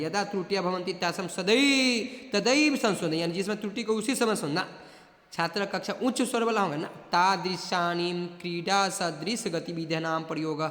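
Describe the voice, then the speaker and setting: High-voiced male teacher in an echoey room. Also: fairly bright tone. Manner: reads Sanskrit questions slowly, then explains in quick Hindi; repeats reminders to pay attention and remember. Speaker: exam prep teacher. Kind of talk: exam coaching lecture. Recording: echoey room with long reverb.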